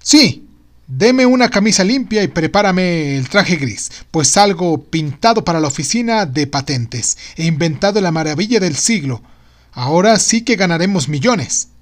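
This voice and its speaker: A boastful male inventor, put on by a storyteller speaks in a raised pitch. He is pompous and exclamatory, full of grand optimism, as in an audio storybook. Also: animated, moderate pace. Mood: excited, boastful.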